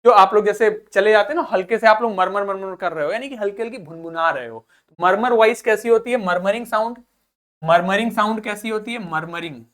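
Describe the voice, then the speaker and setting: A man's voice: high-pitched, fairly quick, fairly bright tone. A man teaching a vocabulary lesson, explaining each word patiently and repeating it for students to echo, switching between Hindi and English.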